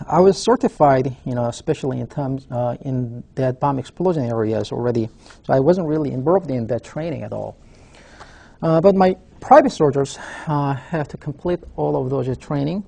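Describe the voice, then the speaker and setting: Lecturing over a webcast, this South Korean professor in his forties has a Korean accent and a medium-pitched, mellow voice with vocal fry. His delivery is halting, with many "uh" fillers in the pauses.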